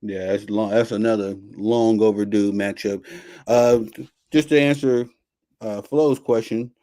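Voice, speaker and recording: A man's voice: on the low side, fairly even intonation, measured pace, dark tone. A man with a Chicago accent hosting a casual sports podcast over a video call, laid-back and slangy, laughing easily. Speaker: podcast host.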